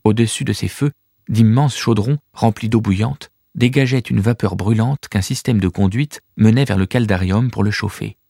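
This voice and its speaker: A man narrating an audiobook in a measured, vivid storytelling manner. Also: on the low side, vocal fry, dark tone, husky, no room sound, studio quality.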